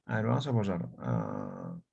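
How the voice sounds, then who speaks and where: A man's voice: a bass voice, huge pitch swings, measured pace, vocal fry, a little mellow, breathy edge, muffled recording. Patient man teaching a language class. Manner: patient, frequent "¿ya?" and "¿no?" checks. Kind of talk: online class explanation.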